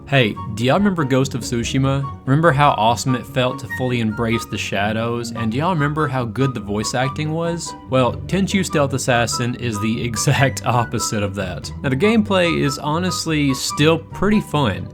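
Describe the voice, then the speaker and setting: Male countdown host, mid-pitched, chatty and joking, music clearly behind the voice. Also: lively intonation, normal speed, few pauses. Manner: joking, conversational, sweary. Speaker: video list host. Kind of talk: casual comedic video game commentary.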